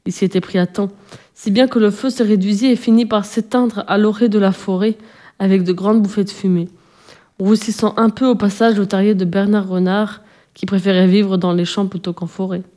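A woman narrates a children's bedtime story in an expressive, steady way. Her voice has a warm, mellow timbre at a middle pitch. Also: normal speed.

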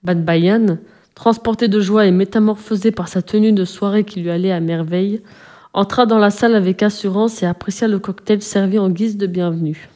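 Woman reading a kids' story aloud, mellow warm voice, calm and even. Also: medium pitch, moderate pace. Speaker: narrator. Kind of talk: scripted storybook narration.

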